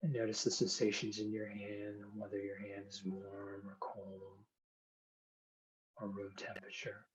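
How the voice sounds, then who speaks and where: A man speaking as a hypnotherapist, giving soothing, unhurried, gentle instructions in guided hypnosis and explanation. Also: on the low side, monotone, poor audio. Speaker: hypnotherapist demonstrating a hand induction.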